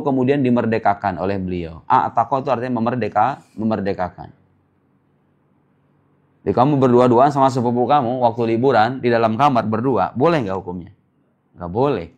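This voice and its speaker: A man preaching in a relaxed, conversational lecture, with a voice of middling pitch. He keeps asking the listeners questions and answers them himself. He breaks in with playful, teasing asides. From Indonesia. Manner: lively, quizzing listeners with rhetorical questions. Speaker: Islamic preacher. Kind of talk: casual religious lecture.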